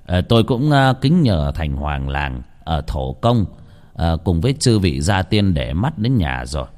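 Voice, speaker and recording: A man playing a weary old exorcist, halting and low. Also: sing-song, a little mellow. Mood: grave. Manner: halting, filling pauses with drawn-out "à". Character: elderly male village exorcist, grave, weary.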